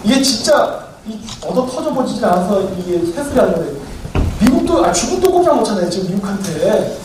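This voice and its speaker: A man's voice: sits high, big pitch swings, brisk, darkish tone. A man giving a heated political lecture as a commentator, combative, firing off rhetorical questions one after another. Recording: very echoey room, distant mic, faint noise.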